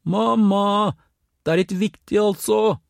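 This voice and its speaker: A man voicing an eager young boy who shouts urgently for his mother in an audiobook, his voice lifted high and loud. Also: little pitch movement, no room sound, studio quality, natural voice. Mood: excited shouting.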